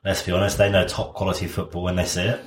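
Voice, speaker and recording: A man co-hosting a casual sports podcast with dry, deadpan humour. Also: low voice, fast, roomy sound. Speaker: podcast co-host.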